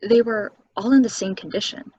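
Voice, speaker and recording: This time her voice leans high and slightly rough as she reads a calm, solitary young local at the stage play table reading. The character tells her story unhurriedly and matter-of-factly.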